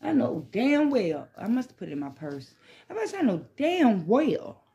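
A woman with a fairly high, dark and husky voice chats at a normal speed to a phone propped about arm's length away or further in a small bedroom, hosting a smoke session for her vlog. Her pitch swings hugely and the highs sound cut off. She rambles loosely like a stoner, slangy and swearing freely, repeating herself as she drifts along.

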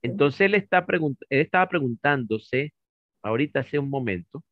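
A man hosting an interview, asking questions in a playful, animated way. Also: medium pitch, moderate pace, no room sound, phone-quality sound. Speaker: interview host. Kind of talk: interview conversation.

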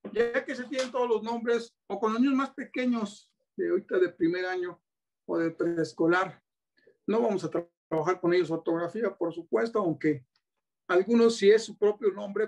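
A man with a Mexican Spanish accent demonstrating teaching materials, patiently checking in with his audience as he explains. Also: high-pitched. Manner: patient, asks many rhetorical checks. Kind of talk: classroom-style demonstration.

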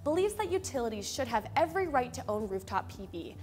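A young woman hosting a scripted explainer in a studio, speaking clearly and upbeat into a lapel mic. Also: a little high, sing-song, fast, a little mellow. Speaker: host. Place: studio with a plain gray backdrop.

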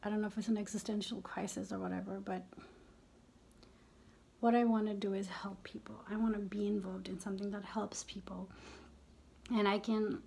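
A woman's voice: mid-range voice, level tone, normal speed, gravelly, pauses often, dark tone, slight background noise. A woman in her fifties chatting casually while doing her makeup. She speaks candidly, swears freely and often drops into half-whispered asides. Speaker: beauty vlogger.

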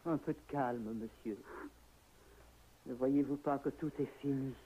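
An actress playing a calm old servant in a 1960s radio drama, speaking quietly and bluntly. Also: female voice, rumbling low, a little slow, breathy edge, full character voice. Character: calm old servant Georgine, weary and matter-of-fact. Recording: muffled old radio recording.

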